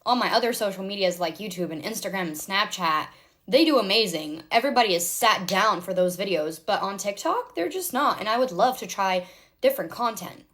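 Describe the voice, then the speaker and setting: Brisk and expressive, this influencer talks straight to her audience while getting ready, keeping the chat casual and cheerful. She's in her twenties, comes from South Africa, and has an American accent. Her voice sits in the mid range and sounds somewhat bright.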